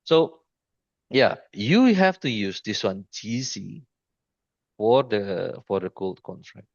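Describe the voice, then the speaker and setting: A man with a low voice walks a listener through trading charts in a loose, halting way, often restarting and repeating "see, like this." The sound is dry and close, with dull lo-fi call audio. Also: big pitch swings, vocal fry, no room sound. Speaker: trading mentor. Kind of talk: informal screen-share lesson.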